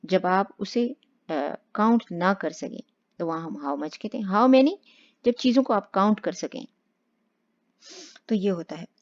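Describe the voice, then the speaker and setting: A woman teaching spoken English step by step, patient and slow on the English examples. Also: lowish voice, lively intonation. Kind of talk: explaining spoken English lesson. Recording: dull lo-fi sound.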